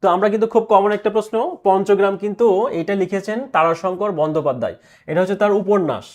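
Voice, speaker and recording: A male teacher giving an exam prep lecture, asking questions and answering them himself, repeating key answers slowly. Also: sits high.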